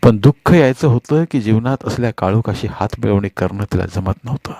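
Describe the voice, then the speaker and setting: A man reading a novel aloud as an audiobook narrator, slow, sorrowful and expressive. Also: on the low side, creaky, no room sound.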